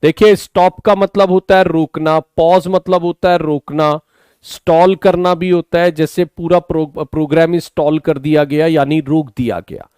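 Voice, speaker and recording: With a sore throat leaving him slightly hoarse, an English teacher with an Indian accent patiently goes over vocabulary in an online class, mixing Hindi into his English and pushing students to respond. His voice is a little high and darkish, recorded at studio quality without echo.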